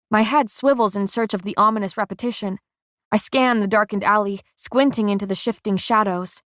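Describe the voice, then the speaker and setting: A woman narrating a first-person fantasy audiobook in a steady, measured reading voice that slows at tense moments. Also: mid-range voice, no room sound, studio quality.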